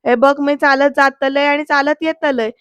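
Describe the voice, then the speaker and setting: A flustered older aunt protests loudly, as a woman acts her out. Her voice is high and close, dry with no room sound. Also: fairly even intonation, moderate pace, no echo. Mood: protesting.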